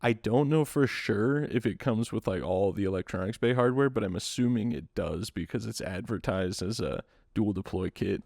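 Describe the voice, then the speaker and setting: A man with a lowish voice talks casually on a podcast, wandering through details at an easy pace and poking fun at himself. The sound is close and dry, with no room around it. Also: moderate pace, creaky, hardly any pauses, dry recording. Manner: relaxed, rambling explainer with dry self-mocking humor. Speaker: podcast host.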